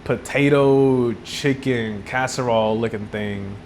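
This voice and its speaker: A young man with a Texan accent chats casually as a podcast co-host. He rambles, laughs often and acts out little quotes in his stories. His voice is mid-pitched with a faint hiss behind it. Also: slow pace, darkish tone. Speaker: podcast co-host back from a trip. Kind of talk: casual chat.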